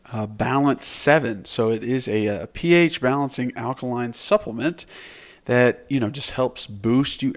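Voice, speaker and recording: Guy doing a casual podcast ad read, medium pitch, chatty and loose. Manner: loose, conversational. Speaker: podcast sponsor reader.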